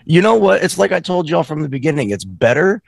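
A man's voice: fairly high pitch, big pitch swings, fairly quick, creaky, dry recording. Laughing, joking podcast man. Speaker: podcast co-host. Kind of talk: casual chat.

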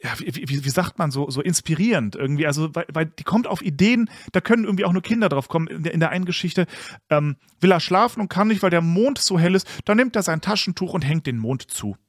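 An enthusiastic man co-hosting a podcast, gushing with many restarts. His voice is fairly high for a man. The sound is close and dry. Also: expressive, quick pace, dry recording. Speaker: podcast co-host. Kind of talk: casual chat and storybook read-aloud.

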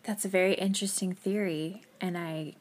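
A woman co-hosting a podcast in a casual, animated chat, laughing often and acting out what people said. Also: fairly low pitch, moderate pace. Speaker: podcast co-host.

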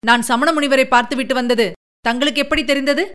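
A woman voicing a spirited, sharp-tongued young princess who argues quickly and indignantly. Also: high-pitched, fairly even intonation. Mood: troubled.

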